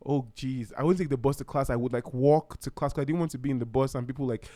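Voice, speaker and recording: A man's voice: mid-range voice, fairly even intonation, quick pace, warm tone, dry recording, studio quality. A young man from Nigeria hosting his own podcast in a casual, heartfelt way, rambling and often restarting his sentences. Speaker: podcast host. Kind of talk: casual solo podcast talk.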